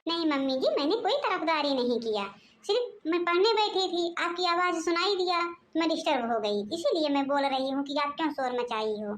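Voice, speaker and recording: A woman's voice: high-pitched, expressive, brisk, a little hiss or hum. A woman voicing a young adult daughter in a cartoon, talking back to her mother in a mildly complaining way. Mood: annoyed.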